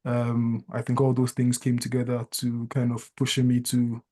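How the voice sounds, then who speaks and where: A man from Ghana chatting informally as a student panelist, halting as he finds his words. His voice is soft-edged and dark, of middling pitch and extremely monotone. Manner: hesitant, halting delivery. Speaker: master's student. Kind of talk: casual testimonial on a panel chat.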